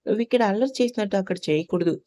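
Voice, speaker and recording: A woman voicing a caring middle-aged mother who gently advises her daughter in an audio story. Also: mid-range voice, very fast, dry recording, natural voice. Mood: tender advice.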